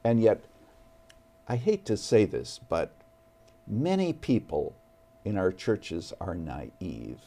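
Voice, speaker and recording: A man appearing as a studio guest, speaking earnestly and deliberately about faith. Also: sits low, very animated, mellow. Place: television studio.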